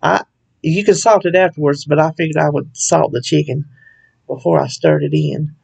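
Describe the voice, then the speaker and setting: A woman's voice: deep voice, fairly even intonation, normal speed, vocal fry, darkish tone, breathy edge. A woman hosting a home cooking video, talking through a recipe in a chatty, folksy way with frequent laughs. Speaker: cooking channel host. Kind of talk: casual recipe walkthrough.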